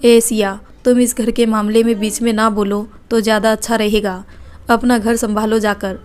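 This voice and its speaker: A woman's voice: fairly high pitch, flat delivery, moderate pace, lightly acted. A woman voicing a drunk, rude young married man in a read-aloud family story. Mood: contemptuous. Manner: insulting, dismissive.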